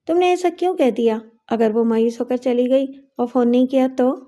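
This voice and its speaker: A woman's voice: fairly high pitch, expressive, mellow, close to an everyday voice. A woman voicing an anxious, loving middle-aged mother who pleads with emotion in a raised voice. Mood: upset.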